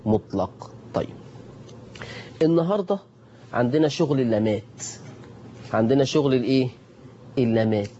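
A man's voice: medium pitch, warm tone, muffled recording, a little hiss or hum. A man with an Egyptian Arabic accent teaching a Quran recitation lesson. He asks his students questions, answers them himself and repeats the key points. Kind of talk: tajweed lesson.

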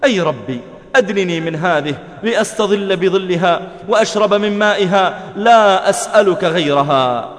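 A man's voice: high-pitched, expressive, moderate pace, big-room sound, pitched above the performer's own voice. A man voicing a humble, pleading man, in a raised, earnest tone.

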